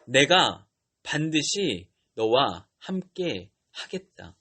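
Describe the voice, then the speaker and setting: A man voicing God as a calm, reassuring divine figure, speaking slowly and solemnly in a lowered voice. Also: heavily acted. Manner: slow, lowered, solemn delivery.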